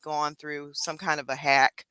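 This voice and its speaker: A woman co-hosting a casual online panel, speaking in an animated way with frequent laughs and a slightly hoarse morning voice. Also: low-pitched, unhurried, no echo. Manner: animated, laughs often, lingers on words. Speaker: panel co-host.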